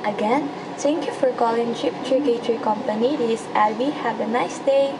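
A woman's voice: a little high, normal speed, close to an everyday voice. A young woman playing a courteous call center agent, reciting a script. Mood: courteous, instructing. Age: young adult. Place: indoor room. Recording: distant mic, loud background hum.

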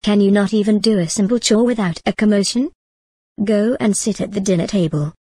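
A woman's voice: medium pitch, a little fast, dark tone, husky, no room sound, close to an everyday voice. A woman voicing a strict older nanny who scolds in a clipped, commanding manner. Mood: angry.

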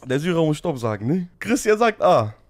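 A man with a slightly raised pitch tells a funny story in casual slang. His voice swings widely and animatedly up and down. He keeps chuckling between the lines. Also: very animated, a little fast. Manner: laughs often while telling. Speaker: streamer telling a story.

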